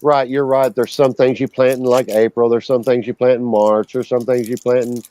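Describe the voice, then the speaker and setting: A man's voice: medium pitch, flat delivery, normal speed, dark tone. A man on a group call talking fishing, emphatic and cursing freely, who keeps asking "you know.". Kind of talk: casual group chat. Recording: dry, dull lo-fi call audio.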